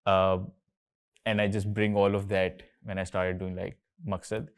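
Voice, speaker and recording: A man's voice: low-pitched, flat delivery, measured pace, smooth. A man in his thirties from Karachi with a Pakistani accent, hosting a casual, chatty talk with students and often slipping between English and Urdu. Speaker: host, company co-founder.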